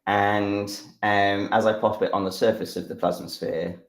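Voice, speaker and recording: Enthusiastic English man with a lowish voice. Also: flat delivery, moderate pace, reverberant. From England. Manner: enthusiastic, rambling, many fillers. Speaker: science educator. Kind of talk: live-streamed science demonstration.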